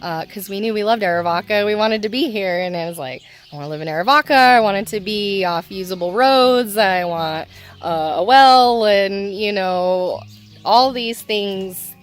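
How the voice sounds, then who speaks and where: A woman's voice: mid-range voice, normal speed, faint music behind. A woman chatting casually in a home vlog, emotional and laughing often as she rambles about her nursery. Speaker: homestead nursery owner.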